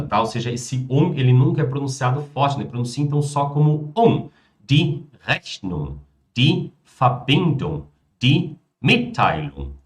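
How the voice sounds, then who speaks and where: A Brazilian man teaching German live online. His voice is mid-pitched and patient, and he models each word slowly with frequent "tá?" checks. The recording has a noticeable roomy echo. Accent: Brazilian Portuguese. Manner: repeats German words slowly and clearly, with frequent "tá?" and "né?". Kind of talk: live online language lesson.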